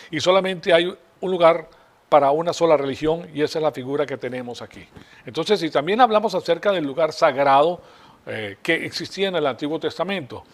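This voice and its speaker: Guy leading a bible study, bit of a higher voice, explains step by step, keeps asking ok?. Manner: explanatory, checks in with "¿ok?"; strings points together with "entonces".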